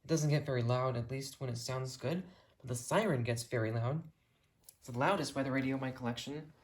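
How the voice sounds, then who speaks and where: Hosting the video, an American hobbyist with a mid-pitched voice gives a casual, enthusiastic, detailed and rambling tour of his collection. He talks fairly quickly.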